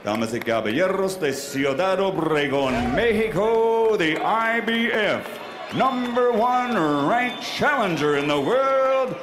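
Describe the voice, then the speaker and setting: Male ring announcer, theatrical and drawn-out, highly animated, echoing arena PA over crowd noise. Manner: theatrical announcer delivery, rising to long drawn-out shouted names. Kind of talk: boxing ring introductions. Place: large indoor boxing arena.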